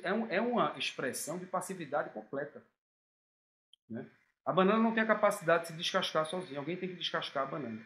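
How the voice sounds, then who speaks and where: A man giving a reflective talk to listeners in a conversational way, often pausing with fillers and checking in with tag questions. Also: medium pitch, a bit bright, roomy sound, a little hiss or hum, rough recording. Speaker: speaker giving a talk on guilt. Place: room.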